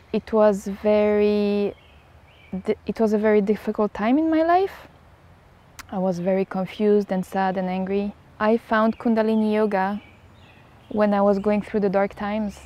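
A woman's voice: medium pitch, mellow. A woman from Poland speaking candidly in an interview while seated in a garden. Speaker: podcast host, interviewee. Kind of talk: interview talk. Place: garden, outdoors. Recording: faint music under the voice. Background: music.

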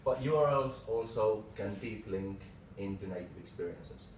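Man, thirties, informal tech presentation, halting phrasing, deep pitch, far from the mic, noisy recording. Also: a little mellow. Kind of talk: informal slide presentation, lightning talk. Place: small meeting room, indoors. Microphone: far camera microphone. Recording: roomy, distant mic with clear background noise.

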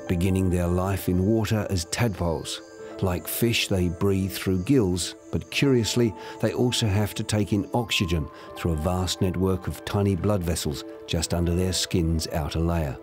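A man narrates a nature documentary in a low register. His delivery is scripted and measured, like someone telling a story as he explains, with music clearly playing underneath.

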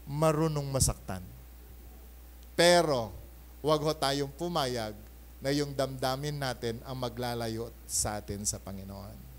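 A male pastor preaching a Sunday sermon in mixed Tagalog and English, animated, often calling for an amen and shifting between loud bursts and soft asides. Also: medium pitch, unhurried, a little hiss or hum. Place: church.

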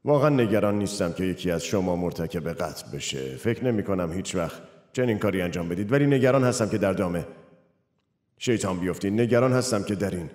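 A man's voice: low-pitched, a little mellow. A man voicing a preacher, delivering a sermon in an earnest, conversational way and asking the audience questions. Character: earnest middle-aged male preacher. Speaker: pastor. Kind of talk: dubbed sermon. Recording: echoey hall with faint music.

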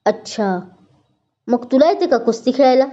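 Woman voicing a gentle, caring college friend. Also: sits high, lively intonation, normal speed. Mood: sincere. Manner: gentle, sincere. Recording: dull lo-fi recording.

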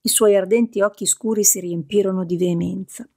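A woman reading an audiobook novel in a steady, measured scripted narration. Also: medium pitch. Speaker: audiobook reader.

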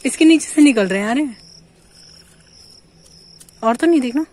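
A young Indian woman vlogs casually on her phone outdoors, at home and in a field, chatting to the camera about what she's doing. Her voice is high-pitched yet darkish in tone, animated, at a moderate pace.

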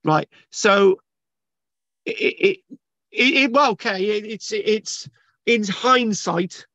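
A man's voice: high-pitched, slow pace, sharp tone, dry recording, muffled recording. A man reading news articles aloud and commenting in a rambling, casual way, with many restarts and fillers. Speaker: channel host reading and discussing archaeology news. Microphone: video call screen share.

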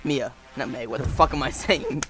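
A man's voice: mid-range voice, normal speed. A man chatting and joking while gaming with friends, mocking himself and swearing. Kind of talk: casual gaming chat.

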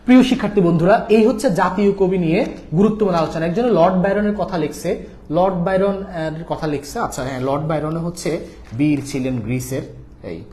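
High-voiced male teacher, echoey. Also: brisk, a little mellow, slight background noise. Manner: repetitive, drilling key facts. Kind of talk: exam-prep lecture.

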